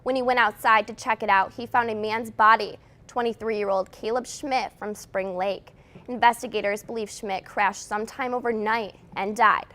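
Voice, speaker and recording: A woman's voice: fairly high pitch, steady tone, moderate pace, bright, forceful tone. An American woman reading scripted television news as the anchor.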